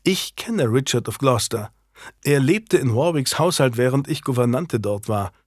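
A man's voice: medium pitch, lively intonation, moderate pace, dry recording, clean studio sound, natural voice. A man voicing a furious noblewoman. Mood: tense. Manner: scornful, biting, rising to shouted accusations. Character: fierce noblewoman, wronged wife, sharp-tongued. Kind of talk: audiobook character reading.

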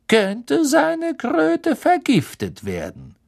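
A man's voice: extremely high pitch, wildly swooping pitch, vocal fry, pitched above the performer's own voice, heavily acted. Man doing icy, drawling sneer of a teacher. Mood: cold command. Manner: slow, drawn-out, icy and mocking. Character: cold sneering male potions teacher, adult.

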